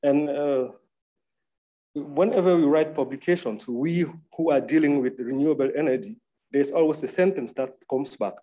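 A man's voice: on the high side, normal speed, dark tone, rough recording. A man from Cameroon moderating an academic panel and presenting slides in a conversational way, often adding tag questions, over a video call.

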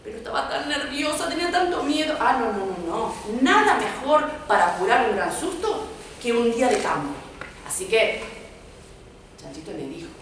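A woman's voice: fairly high pitch, moderate pace, distant mic. A woman with a Rioplatense Spanish accent, telling a story to children at a library and asking them questions as she goes. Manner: expressive, asks the children questions, puts on squeals for characters. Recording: echoey room recorded from afar, noisy.

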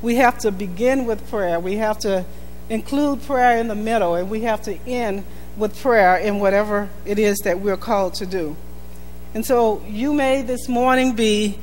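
Woman pastor, sermon, higher register, emphatic repetition; long church reverb. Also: slight background noise. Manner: earnest, emphatic preaching with measured repetition. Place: church sanctuary. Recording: reverberant church hall with faint music.

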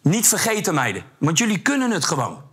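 Hesitant football coach. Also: male voice, high voice, huge pitch swings, a little fast, noisy background. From The Hague, Netherlands. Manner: hesitant with many fillers when talking, shouting loudly on the sideline. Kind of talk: documentary interview and sideline coaching.

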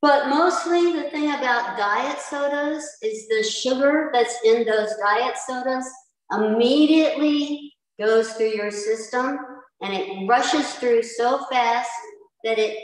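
A woman's voice: a little high, recorded from a distance. Older woman teaching in an echoey room. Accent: American. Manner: chatty, emphatic, repeats for stress. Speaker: cooking instructor. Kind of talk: community TV health talk. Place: indoor community center room with posters. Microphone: far camera, no visible mic. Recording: roomy echo, voice off-mic.

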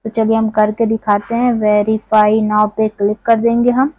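A woman's voice: on the high side, little pitch movement, normal speed, warm tone, no echo, dull audio. A woman host from India walking viewers step by step through an app in a conversational tutorial voice-over. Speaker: tech tutorial channel host. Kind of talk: screen-recorded app tutorial.

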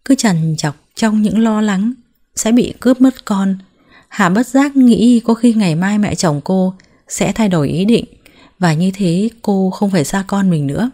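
A woman narrating a family drama story in a calm, measured, emotive reading. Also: mid-range voice.

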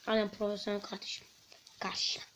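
A woman commenting while playing a video game, chatting to her viewers and bursting into frustrated shouts. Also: medium pitch, monotone, fast talker, in a whisper. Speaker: gaming YouTuber. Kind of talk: let's-play commentary.

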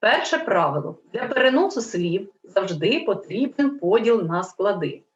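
A woman gives a lesson to young children, stretching out each example word so they can follow. Her pitch rises and falls a lot as she explains. The sound is a bit dull and echoes as in a room. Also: sing-song. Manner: slow, clear, drawn-out word dictation. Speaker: primary school teacher. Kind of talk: Ukrainian language lesson for children.

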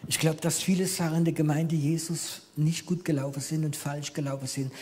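Preaching in German, a native French speaker in his fifties tells his sermon with animated flair, moving between booming emphasis and hushed near-whispers. His voice sits at medium pitch, and slight background noise is present.

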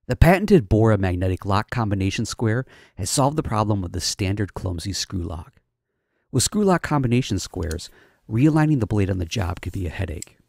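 A man with a low, gravelly voice reads a tool ad. His delivery is steady and measured. The sound is dry and close, with no room echo. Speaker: product ad voice-over. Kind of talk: scripted ad narration.

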